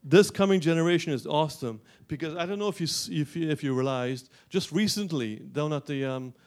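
A middle-aged man from Guyana preaching a sermon as pastor, animated, with frequent restarts and rising emphasis. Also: fairly high pitch, brisk.

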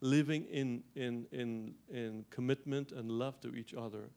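A middle-aged man from Guyana preaches to his congregation in an animated way. His voice sits at an everyday middle pitch, and he often restarts phrases before building to emphatic peaks. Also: measured pace, vocal fry. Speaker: pastor. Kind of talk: sermon.

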